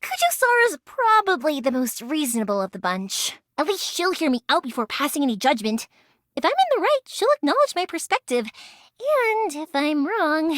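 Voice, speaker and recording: A cheerful young woman who makes fireworks chatters in a high, bright, bubbly voice that bounces all over, playful and warm. She giggles easily and softens when a story turns serious, delivering game character lines in a dry, close studio mic recording.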